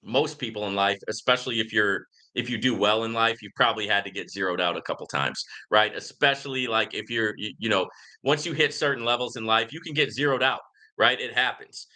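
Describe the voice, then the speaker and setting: A livestream host, a man, takes viewer comments in a casual live Q and A, speaking emphatically and outspokenly while repeatedly asking "right?" to seek agreement. His lowish voice is bright and forceful, and he talks a little fast.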